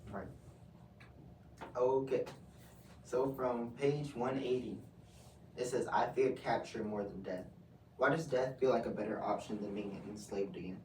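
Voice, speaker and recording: A man's voice: medium pitch, a little slow, pauses often, darkish tone. A man leading a casual student book discussion, reading out quotes and asking questions. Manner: reads out quotes, then asks questions. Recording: echoey room, far from the mic, noisy.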